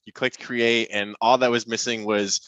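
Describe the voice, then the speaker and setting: A man's voice: medium pitch, level tone, normal speed, a bit bright, dry recording, rough recording. A man hosting a casual podcast chat, rambling along with many fillers and restarts. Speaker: podcast host.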